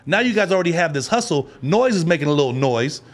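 A man's voice: fairly high pitch, very animated, fast. A man hosting a casual podcast interview in a studio, joking and upbeat with his guests. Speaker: podcast host.

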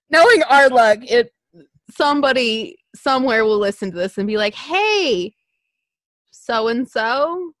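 Woman, high bouncy voice, dry sound, casual podcast chat, laughs a lot. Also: slow, long pauses, dry recording. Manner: laughing, awkward, animated reactions. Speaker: podcast co-host.

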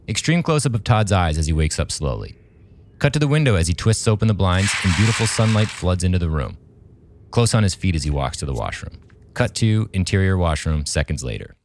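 A man's voice: sits low, darkish tone. A man narrating a scripted story aloud as a podcast host.

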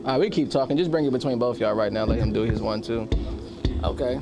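A man's voice: mid-range voice, fast talker, over music. A man hosting a casual podcast chat, asking questions and teasing his guests. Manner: teasing, joking interviewer. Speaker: podcast host.

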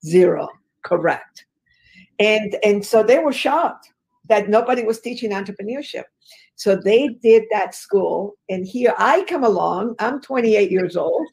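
A woman's voice: medium pitch, lively intonation, unhurried, creaky, a little mellow, low-quality recording. A woman from Chile, a guest in an interview, telling her life story in an earnest, emphatic way with frequent fillers. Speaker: guest, business educator.

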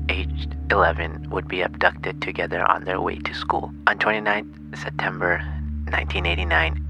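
A man narrating a scripted true crime show in a suspenseful, grave and measured storytelling manner. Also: sits low, vocal fry, poor audio. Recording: music behind the voice.

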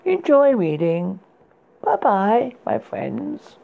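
Someone doing a spooky horror host, super croaky and husky, swoopy pitch, stumbles thru a scripted read. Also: sing-song, dark tone, exaggerated voice. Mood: playfully macabre. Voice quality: very gravelly, husky, creaky. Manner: halting read with stumbles and repeated words. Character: spooky horror host recommending frightening books and films.

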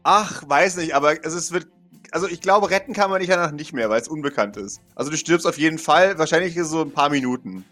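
A man's voice: fairly high pitch, fast talker, a bit bright, soft background music. A man running a tabletop role-playing game as game master, narrating playfully and laughing often.

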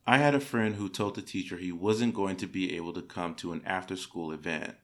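Male narrator, lower pitch, calm measured read of online anecdotes. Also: heavy background noise. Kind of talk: reading internet stories aloud.

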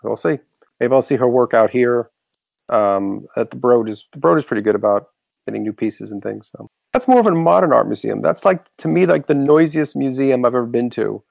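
A man's voice: medium pitch, expressive, brisk, vocal fry, a little mellow, no echo, clean studio sound. A man hosting a podcast, chatting casually and rambling with lots of restarts. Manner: rambling, self-correcting, many fillers. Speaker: podcast host. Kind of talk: casual chat.

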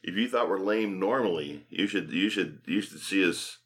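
A man's voice: low-pitched, moderate pace, a bit bright. A man hosting a podcast, bantering casually and goofily in outtakes with self-mocking humor. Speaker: podcast host.

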